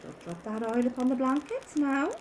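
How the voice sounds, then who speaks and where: A woman's voice: high-pitched, expressive, moderate pace, slight background noise. An actress playing a brazen, callous scavenging woman in an audio drama. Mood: brazen, scornful.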